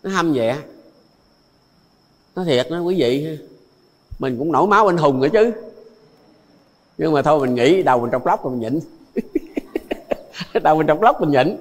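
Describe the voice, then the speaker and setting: A man's voice: a little high, animated, moderate pace, pauses often, in a large hall. An older man with a Southern Vietnamese accent, a Buddhist monk giving a dharma talk full of anecdotes, who chuckles often and repeats phrases for emphasis.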